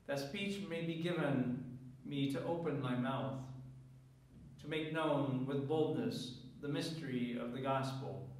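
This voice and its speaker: Slow, echoing priest in a church. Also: male voice, mid-range voice, a little mellow. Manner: solemn, measured delivery. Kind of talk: liturgical scripture reading and homily. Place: small church sanctuary, at a lectern. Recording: very echoey church, distant mic.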